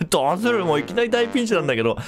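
A man giving casual, excitable commentary over his own gameplay, breaking into panicky repeated exclamations. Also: high voice, racing, a crowd in the background. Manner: playful self-introduction with a mock-dramatic recap. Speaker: game commentator.

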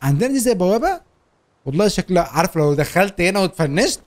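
A young man with an Egyptian Arabic accent, hosting a gameplay video in a fast, laughing banter. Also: high-pitched. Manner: animated, laughing, quick banter. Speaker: gaming YouTuber. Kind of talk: excited gameplay chat.

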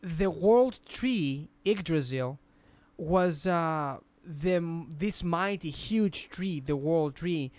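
Male podcast host, slightly high, clean voice; rambling explainer, casual. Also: expressive, extremely slow, few pauses, darkish tone, dry recording.

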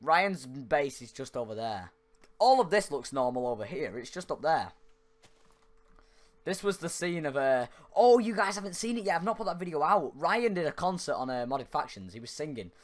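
A man's voice: a little high, very animated, normal speed. A young man giving chatty gameplay commentary into a desk microphone, yelping and laughing when things go wrong. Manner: chatty, yelps and laughs at mishaps. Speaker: gaming YouTuber. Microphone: desk microphone spoken into closely.

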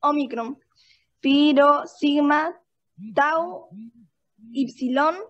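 A female student on a video call, slowly and carefully reciting for her teacher. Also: high voice, a bit bright, dull audio.

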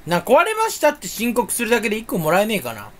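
Rambling young man, lively pitch. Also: fast talker. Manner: playful, self-mocking muttering with sudden loud outbursts; talks while sucking candy. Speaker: YouTuber. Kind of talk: rambling solo chat.

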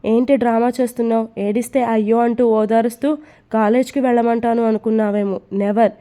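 A woman's voice: a little high, little pitch movement, a little fast, mellow, natural voice. A woman voicing a harsh, domineering young husband who talks in curt commands, in a storybook reading. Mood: stern.

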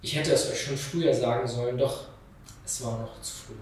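A man voicing a calm snake mother who speaks in a soothing but firm way. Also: medium pitch, moderate pace, slight background noise, lightly acted. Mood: patient. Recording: very echoey room, mic far off.

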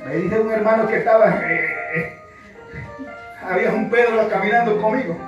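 A man with a Panamanian Spanish accent preaching a sermon, telling a story and breaking into fervent shouted refrains. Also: sits high, moderate pace, highs cut off. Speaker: pastor. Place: large echoey church. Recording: echoey church hall, distant mic, music.

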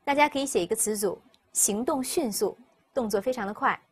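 A woman teacher, explaining English vocabulary step by step and repeating each word slowly for students. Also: a little high, husky. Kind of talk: recorded vocabulary lesson.

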